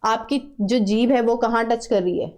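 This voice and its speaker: A woman's voice: a little high, fairly even intonation, moderate pace, darkish tone. A woman teaching a grammar lesson patiently, repeating sounds and asking students to try them aloud. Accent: Uttarakhand Hindi. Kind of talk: classroom lesson.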